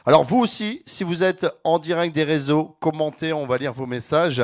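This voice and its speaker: Guy hosting a radio show, slightly high voice, upbeat, reading listener messages. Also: normal speed. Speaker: radio host. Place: radio studio.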